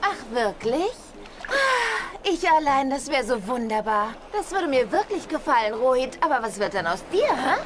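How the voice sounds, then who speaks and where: A teasing, very high-voiced young woman. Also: sing-song, normal speed, noisy background. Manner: playful, mocking, bubbly. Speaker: dub actress. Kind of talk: German film dub.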